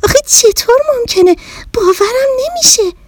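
Picture a small, lazy bear cub, played by a woman reading a storybook, whining in a high childlike voice that swoops up and down. It sulks and gives up easily. The sound is dry and close. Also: animated, a little mellow, no room sound. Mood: startled. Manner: sulky and easily startled.

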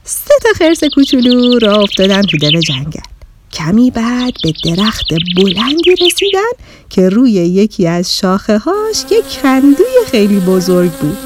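A woman narrating a children's story in an animated, expressive way. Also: medium pitch, noisy background.

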